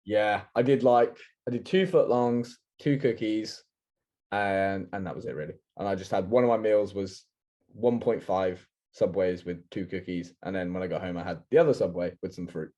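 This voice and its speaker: Animated young Englishman telling stories. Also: sits low, normal speed. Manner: animated storytelling, swears, laughs often. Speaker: podcast co-host. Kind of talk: casual chat. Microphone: video call.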